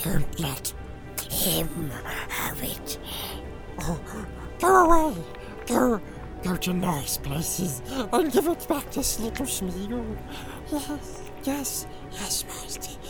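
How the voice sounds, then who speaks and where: A woman voicing Gollum, a wretched, groveling creature who pleads and wheedles in gravelly squeaks and hissing whispers. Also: big pitch swings, takes it slowly. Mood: pleading. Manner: wheedling, whining, swinging wildly from shrieks to whispers. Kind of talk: dramatized audiobook acting. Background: background music.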